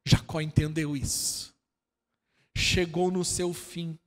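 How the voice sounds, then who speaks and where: A Brazilian pastor preaching a sermon, swinging from quiet asides to loud shouting and firing rhetorical questions at his congregation. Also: on the high side, flat delivery, takes it slowly, long reverb tail. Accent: Brazilian Portuguese. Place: church hall.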